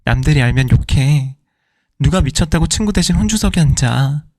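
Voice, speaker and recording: A man's voice: a little high, animated, moderate pace, darkish tone, no room sound, clean studio sound. A man voicing a furious middle-aged wife who fires indignant questions at her husband, in a storytelling reading.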